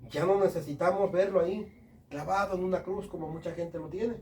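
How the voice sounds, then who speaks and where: A man's voice: high voice, fairly even intonation, brisk, heavy background noise. A man preaching a fervent sermon at a home service, often calling his listeners brothers. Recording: echoey room, from far off, faint ambience.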